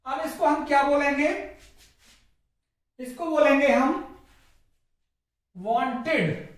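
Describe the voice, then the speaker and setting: A man's voice: very high-pitched, takes it slowly. A man teaching English pronunciation in a classroom-style lesson. He drills each word by repeating it, and he asks questions and then answers them himself. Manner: drills words by repetition, asks and answers his own questions. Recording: echoey room, mic far off.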